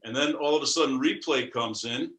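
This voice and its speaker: A man, a baseball umpire on a panel, answering a question in a thoughtful, measured way. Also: mid-range voice, a bit bright, rough recording.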